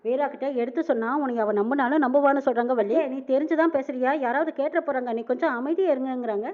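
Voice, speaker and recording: A woman quickly retelling a TV serial episode, reporting each character's lines one after another with a tag of who said them. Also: high-pitched. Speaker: serial recap narrator. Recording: narrow phone-like band.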